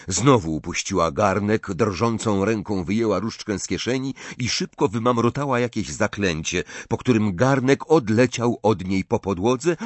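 A man reading a story aloud as an audiobook narrator, in expressive scripted narration on a close mic. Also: lowish voice, no echo.

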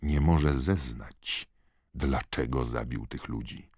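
A man voicing a wise old headmaster who speaks in a calm, grave, measured way. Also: extremely low pitch, slightly rough, no echo, studio quality, heavily acted.

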